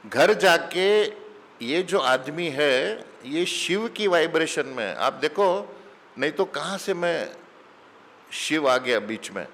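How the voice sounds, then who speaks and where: Here a middle-aged man's voice sits a little high, sounding animated and a bit bright. He is a spiritual teacher giving satsang, speaking slowly in Hindi mixed with English phrases through a chatty, anecdotal sermon, captured with long hall reverb.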